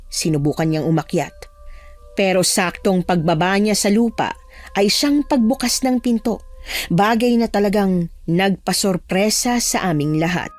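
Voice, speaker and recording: Woman telling a creepy true-horror story, dramatic and tense, soft music playing under. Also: medium pitch. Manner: dramatic, suspenseful. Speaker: first-person narrator. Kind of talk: scripted horror story narration.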